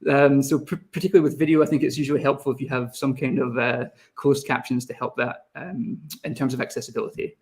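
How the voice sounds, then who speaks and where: This fast-talking young adult man has a Scottish accent and a mid-range voice with fairly even intonation. As a video team lead, he runs a live online webinar and talks to viewers in the chat.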